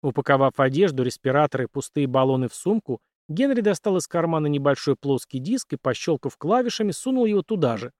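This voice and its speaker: A male audiobook narrator with a steady, measured delivery. His voice sits a little high and sounds close and dry. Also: no room sound.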